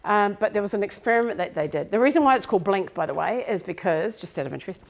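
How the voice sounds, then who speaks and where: A woman's voice: medium pitch, animated, quick pace, vocal fry. A middle-aged woman, a business coach giving a live workshop talk to a group in a room, chatty and self-deprecating.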